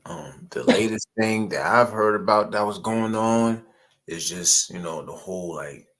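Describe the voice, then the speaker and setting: A man hosting a relaxed, rambling conversation, asking his guest questions. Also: lowish voice, measured pace. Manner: laid-back, rambling, lots of "you know" fillers. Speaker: channel host. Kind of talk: casual call-in chat.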